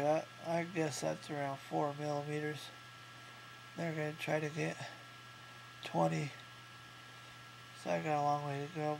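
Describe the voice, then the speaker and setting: A man in his thirties speaks with heavy vocal fry and very little pitch movement, stuffed up and thick-mouthed after oral surgery. He talks in a halting, matter-of-fact video-diary style. Clear hum and noise sit behind his voice. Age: 30s. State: congested, can't breathe through nose. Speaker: vlogger recovering from jaw surgery. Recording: clearly noisy home recording with hum.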